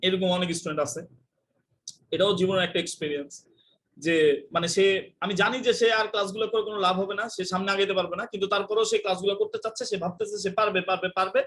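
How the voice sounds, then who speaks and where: A man's voice: high-pitched, fairly even intonation, very fast, fairly bright tone. A young man teaching English in a live online class, joking and scolding and mixing in English phrases.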